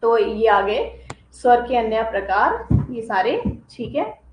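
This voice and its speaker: A woman's voice: fairly high pitch, sing-song, takes it slowly, a little mellow, roomy sound, slight background noise, poor audio. A woman teacher giving a grammar lesson, explaining each term and then giving examples. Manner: explains terms, then gives examples, checks with "ठीक है". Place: coaching classroom.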